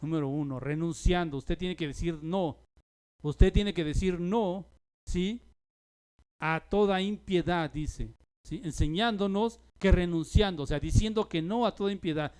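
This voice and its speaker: A man preaching a sermon to his congregation, asking rhetorical questions and tagging lines with "¿sí?", swinging between loud emphasis and quiet asides. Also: sits high, unhurried, smooth. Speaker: pastor.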